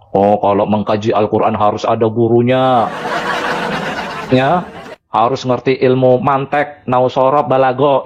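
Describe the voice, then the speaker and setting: A man's voice: fairly high pitch, muffled recording, background noise. A man talking casually on a live stream as a religious debater, mocking and chuckling between phrases.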